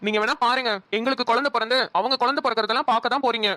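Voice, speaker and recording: A woman voices a cartoon mother, speaking quickly in a gentle, reassuring way. Her voice is bright and a little high. The recording is dry and close. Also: fairly even intonation, no echo. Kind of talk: cartoon family comedy voicing.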